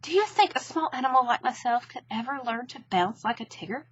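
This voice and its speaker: High-pitched timid piglet, woman's voice, husky, nervous, fretful, loyal little storybook animal. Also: animated, brisk, no room sound, lo-fi sound. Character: small timid male piglet, anxious but loyal.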